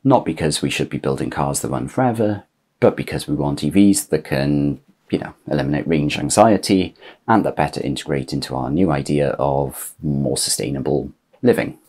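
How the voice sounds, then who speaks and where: A man in his thirties hosting a scripted explainer video to camera, measured and asking rhetorical questions, filmed in a small home office with a clip-on mic. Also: rumbling low, darkish tone, breathy edge. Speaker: YouTube host explaining electric cars.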